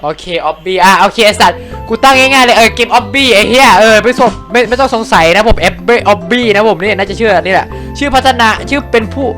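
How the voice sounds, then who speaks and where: A man hosting a gaming channel, giving excitable, jokey let's-play commentary full of swearing and boasting. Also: high voice, fast talker, faint music behind.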